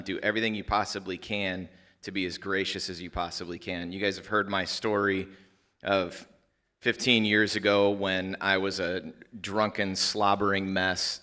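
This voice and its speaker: A man's voice: low voice, pushed and bright. A man on a church marriage panel, giving an earnest personal testimony at an uneven pace. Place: church conference stage.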